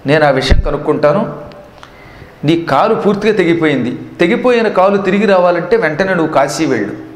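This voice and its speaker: A man voicing a calm, commanding sun god father giving instructions. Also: fairly high pitch, fairly quick, reverberant, big-room sound, slight background noise, natural voice. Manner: steady, instructing.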